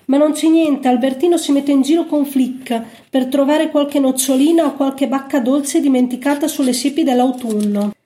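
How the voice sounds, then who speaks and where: A woman narrating a storybook tale in a gentle, unhurried reading voice. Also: high-pitched.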